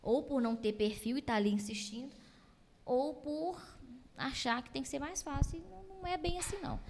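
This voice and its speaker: Woman guest psychologist, fairly high voice, lively and conversational, acts out quoted dialogue, long room reverb. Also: a little fast, creaky. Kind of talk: casual podcast conversation.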